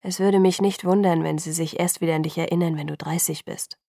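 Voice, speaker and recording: A woman voicing a calm, protective young vampire man in an audiobook, speaking softly and slowly in a low, measured way. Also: creaky, no room sound, clean studio sound. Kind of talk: audiobook reading.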